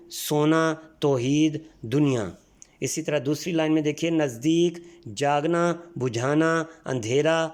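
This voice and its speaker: A man's voice: a little high, darkish tone. A man from Pakistan teaching a school language lesson, patiently going through the exercises and spelling out words sound by sound. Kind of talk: explaining textbook exercises.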